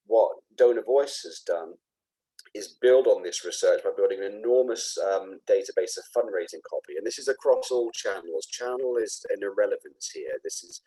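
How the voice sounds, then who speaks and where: A man with a Cockney accent walks through a product demo in an unscripted, halting way, full of restarts and fillers. His voice sits very low and has a husky edge. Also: dark tone, rough recording. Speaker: presenter.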